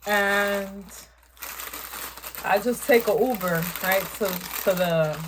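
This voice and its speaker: A woman's voice: medium pitch, takes it slowly, background noise. A young woman, telling a profane, emphatic story in casual chat as she eats. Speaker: vlogger. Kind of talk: casual storytime while eating.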